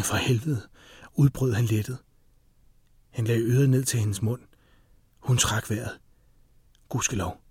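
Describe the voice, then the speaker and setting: Male audiobook narrator, husky voice, dry close sound, steady tense reading. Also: medium pitch, no echo. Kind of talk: scripted narration.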